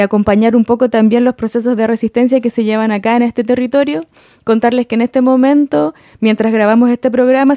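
A woman with a Chilean accent hosting a community radio show, announcing steadily and earnestly with frequent pauses, in a studio. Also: fairly high pitch, warm tone, no echo. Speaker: radio host.

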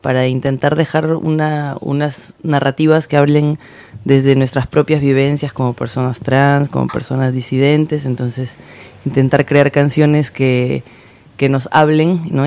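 Gravelly heartfelt singer-songwriter. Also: male voice, mid-range voice, warm tone. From Peru. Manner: heartfelt, pausing often. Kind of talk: radio guest talk.

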